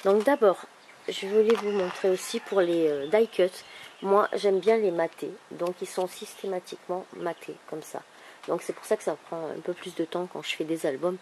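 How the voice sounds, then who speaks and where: A woman with a thick, swollen-tonsils sore-throat voice, speaking softly and casually as she presents a craft project. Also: lowish voice, fairly even intonation, moderate pace. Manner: soft-spoken, holding back volume. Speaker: craft video maker presenting an album. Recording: clearly noisy background ambience.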